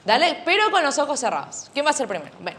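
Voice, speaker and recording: Brief: lively woman teaching kids, high voice, swooping storytelling. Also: fast, a little hiss or hum. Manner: animated, questioning the kids. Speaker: children's Sunday school teacher. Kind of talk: storytelling to children.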